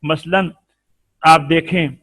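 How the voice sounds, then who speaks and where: A man from Pakistan teaching a Quran recitation lesson. He explains the rules slowly, chants Arabic examples, and quizzes his students. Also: fairly high pitch, steady tone, fairly bright tone, dry recording. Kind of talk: tajweed lesson.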